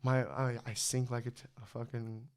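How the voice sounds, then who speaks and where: A young man hosting a podcast, chatting excitedly and swearing freely about a fight. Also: medium pitch, moderate pace, clear, resonant tone. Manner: excited, profane sports fan talk. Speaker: podcast host. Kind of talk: casual chat.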